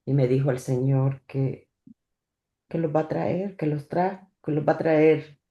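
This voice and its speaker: A woman giving a personal religious testimony in church. She speaks haltingly, stopping and repeating words as she goes. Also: deep voice, warm tone, dull audio. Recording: echoey church room.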